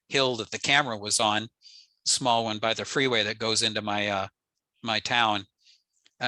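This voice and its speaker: A sharp-toned, mid-range male voice with no room sound belongs to an older American amateur radio operator. He's indoors on a video call, presenting slides in an informal, straightforward, explanatory style.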